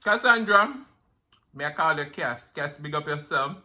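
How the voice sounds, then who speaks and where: A man's voice: fairly high pitch, expressive, a little slow, bright, forceful tone. A man with a Jamaican accent chatting casually as a mukbang host, eating crunchy fried chicken between savoring mms. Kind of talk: casual eating-show chat.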